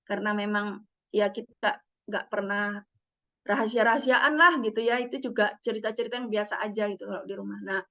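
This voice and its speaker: A woman's voice: mid-range voice, brisk. A middle-aged woman psychologist, telling stories in a parenting seminar and acting out the dialogue. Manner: animated, acts out quoted dialogue. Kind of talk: storytelling seminar talk. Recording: dull muffled lo-fi sound.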